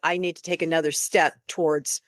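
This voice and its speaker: A woman podcast host speaks in a reflective, affirming way and sometimes restarts her sentences. Her voice is a little low, recorded close and dry. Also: little pitch movement, fairly quick, no room sound. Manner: affirming, thoughtful, some restarts. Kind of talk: reflective conversational talk.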